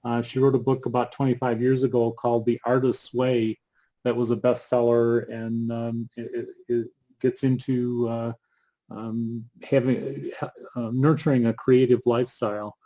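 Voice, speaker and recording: A man co-hosting a casual book chat in a mellow, darker voice. He speaks with very little melody and keeps stopping on ums and uhs. Dry little asides come between the halting stretches. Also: medium pitch, level tone, rough recording. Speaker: co-host. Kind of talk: casual chat about books.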